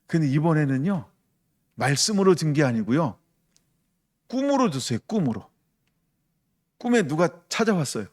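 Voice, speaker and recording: A middle-aged man, a pastor, preaching a sermon in an animated storytelling way, putting rhetorical questions to the congregation. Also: on the high side, moderate pace, long pauses.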